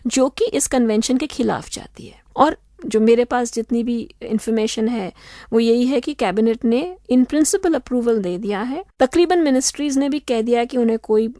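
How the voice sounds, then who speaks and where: A woman appears as an expert guest in a radio interview, laying out her points in a calm, methodical, measured way. Her voice is slightly high, and the studio sound is dry and close with no echo.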